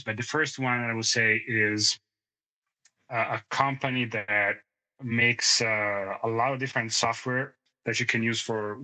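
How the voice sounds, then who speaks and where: This podcast co-host, a man in his thirties, has a mid-range voice that sounds pushed and bright, heard through a rough recording. Chatting casually, he drifts into long-winded stories and sidetracks with frequent laughter, and he came to the United States a decade ago.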